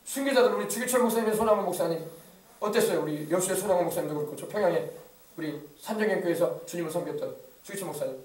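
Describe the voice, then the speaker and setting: A male pastor with a high-pitched, slightly mellow voice delivers a fast, rousing call-and-response sermon, his accent pointing to the Yeosu area of Korea. He is heard from a distance in an echoey church sanctuary.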